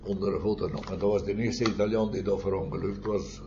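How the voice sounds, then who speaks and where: A man's voice: sits low, fairly even intonation, fast. An older man, a former miner, telling rambling stories in an oral history interview, often adding tag questions and short chuckles. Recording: muffled with faint noise.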